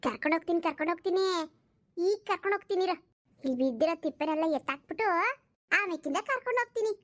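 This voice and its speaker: Woman playing a defensive, weary young stepmother for a cartoon, pitched very high. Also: expressive, very fast. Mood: brusque. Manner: defensive, pleading her innocence. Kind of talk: cartoon voice acting.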